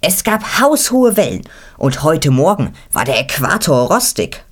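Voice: mid-range voice, very animated, measured pace, slightly rough. A storyteller voicing a humble, matter-of-fact cleaning woman who scrubs the equator, in a storybook reading. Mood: earnest.

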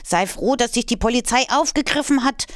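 A woman voicing a scruffy, grumpy old tomcat in a storybook reading, talking gruffly. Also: on the high side, fairly quick, dry recording, clean studio sound, pitched above the performer's own voice, natural voice. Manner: gruff, grumbling.

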